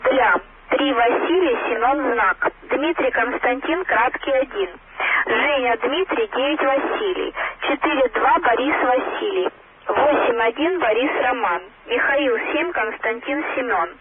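Woman radio operator, high voice, reading code word by word over a tinny walkie-talkie, heavy static. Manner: slow, flat, measured dictation. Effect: over a walkie-talkie radio channel. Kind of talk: spelling out a coded message over radio.

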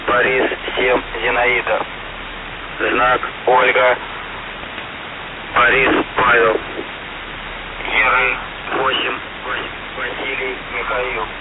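Man, radio operator, over a radio, monotone dictation, tinny hissy transmission. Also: mid-range voice. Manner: flat, slow, measured dictation. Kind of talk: spelling out a coded message letter by letter.

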